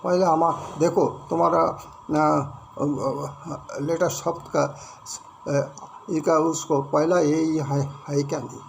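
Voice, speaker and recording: Man, Indian accent, grammar teacher, high voice, slow repetitive explaining, faint background noise. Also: fairly even intonation, gravelly. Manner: explains slowly, repeating words, mixing English terms into Hindi. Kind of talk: classroom grammar lesson.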